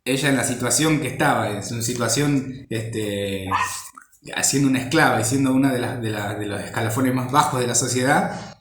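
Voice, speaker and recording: A man's voice: medium pitch, moderate pace, echoey room, slight background noise. Rambling man teaching the Bible. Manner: rambling, repeats words while searching for the next phrase.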